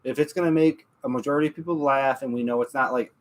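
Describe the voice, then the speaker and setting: A man who is a parent, co-hosting a podcast in casual chat, rambling with many pauses and fillers. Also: medium pitch, fairly even intonation. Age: adult parent. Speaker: podcast co-host.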